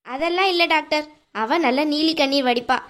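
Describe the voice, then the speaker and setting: A woman's voice: high-pitched, moderate pace, a bit bright. Woman voicing a nagging cartoon mother-in-law. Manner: scolding, mocking. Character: sharp-tongued nagging middle-aged mother-in-law. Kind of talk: cartoon voice acting.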